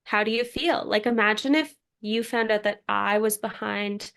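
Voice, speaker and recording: Animated young woman podcast co-host. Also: mid-range voice, moderate pace, creaky, clear, resonant tone. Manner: animated, laughs mid-sentence, asks hypotheticals. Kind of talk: casual chat.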